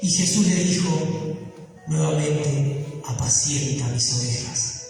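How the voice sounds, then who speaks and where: A preacher with a high voice delivers his sermon slowly and emphatically, leaning on long dramatic pauses. He sounds distant from the mic in a church with a long, echoing reverb. Soft music plays underneath. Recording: echoey church hall from far off.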